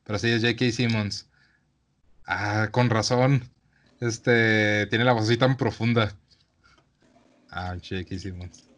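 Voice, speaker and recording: A man with a Mexican Spanish accent, co-hosting a relaxed, casual chat and using slang fillers. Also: fairly low pitch, slow pace. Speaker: podcast co-host. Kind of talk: casual chat about a cartoon series.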